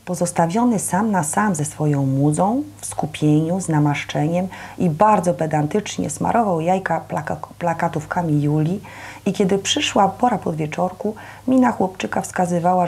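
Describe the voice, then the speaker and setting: A woman reads a novel aloud at a public reading. Her voice is husky and a little low. She keeps a measured, breathy delivery and often drops into soft asides.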